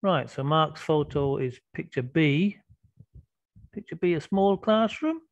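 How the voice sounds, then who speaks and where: A man's voice: a little high, animated, unhurried, no room sound, highs cut off. A man teaching an online English class, patiently prompting students with questions over a video call.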